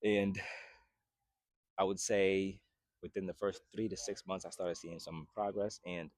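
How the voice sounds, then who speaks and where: Man, twenties, from Haiti, very low voice, dry close sound, casual vlog talk. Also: steady tone, unhurried, darkish tone, no echo. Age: 20s. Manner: conversational, repeats "right?" often. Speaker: fitness vlogger and personal trainer.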